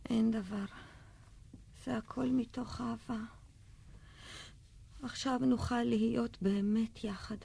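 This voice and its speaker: A woman's voice: fairly high pitch, steady tone, vocal fry, long pauses, dark tone, husky, full character voice. An actress playing a guilt-ridden, obsessive mother who stammers and turns feverish. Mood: eerie tender. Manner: stammering, then feverish and whispering. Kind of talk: stage drama acting.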